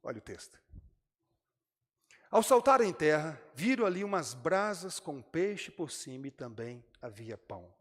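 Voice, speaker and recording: A man's voice: on the high side, big pitch swings, unhurried, a bit bright, long reverb tail. A man with a Brazilian Portuguese accent preaching a sermon to his congregation, acting out the characters' lines as he tells the story. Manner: addresses the congregation directly. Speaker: pastor. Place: church.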